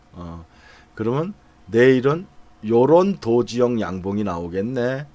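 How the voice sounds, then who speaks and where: A man's voice: mid-range voice, a little mellow. A middle-aged man, chatting through stock charts to his viewers, thinking aloud with fillers. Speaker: stock market commentator. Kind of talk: casual market commentary over charts.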